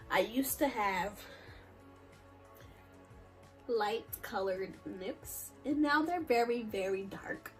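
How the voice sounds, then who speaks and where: A woman's voice: fairly high pitch, a bit bright, rough recording. Chatty, giggly young woman vlogger. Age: early 20s. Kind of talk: casual chat to camera.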